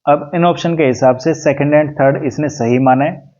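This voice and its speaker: A man teaching exam preparation, reading English questions slowly and explaining each answer step by step. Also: fairly high pitch, fairly even intonation, darkish tone, highs cut off. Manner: reads English questions slowly, explains in Hindi with "ठीक है" and "देखो".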